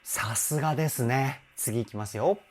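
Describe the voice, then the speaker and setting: A man's voice: mid-range voice, moderate pace, over loud music. A man working as a vocal trainer, chatting enthusiastically in a casual commentary, with hums and interjections. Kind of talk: casual music analysis commentary.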